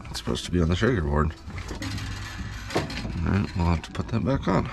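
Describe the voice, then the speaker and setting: Deep gravelly-voiced man, slow and subdued. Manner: subdued, low-energy, thinking aloud. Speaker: pinsetter mechanic. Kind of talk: casual how-to tutorial. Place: bowling alley machine pit.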